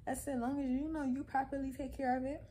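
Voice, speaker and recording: A woman's voice: sits high, flat delivery, fast, dark tone, a little hiss or hum. A woman giving a casual opinion monologue to camera, conversational and insistent, repeating phrases for emphasis. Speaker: vlogger.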